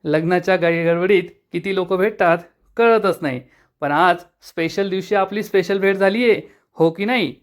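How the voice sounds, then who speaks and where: Narrator doing a chatty playful young woman, coaxing, middling pitch. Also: normal speed, natural voice.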